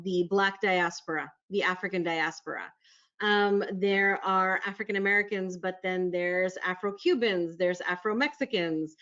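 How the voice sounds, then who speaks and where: A woman's voice: mid-range voice, muffled recording. A woman physician talking earnestly on a panel, explaining at length with many fillers. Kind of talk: panel discussion. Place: New York.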